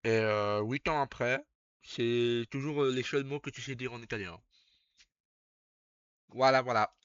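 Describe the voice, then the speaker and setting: A young man, chatting casually on a live stream as he reacts, swearing and breaking into loud laughs. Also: mid-range voice, unhurried, smooth, no room sound, muffled recording. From Belgium.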